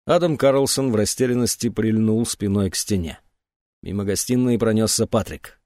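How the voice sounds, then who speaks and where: A man narrating an audiobook in an expressive, dramatic reading. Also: on the low side, normal speed, no echo, studio quality. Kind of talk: scripted narration.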